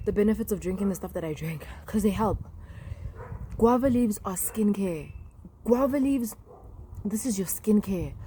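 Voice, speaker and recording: A woman's voice: mid-range voice, mellow, slight background noise. Chatty young woman rambling to camera. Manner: chatty and rambling, with many fillers and asides. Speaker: vlogger. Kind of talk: casual talk to camera.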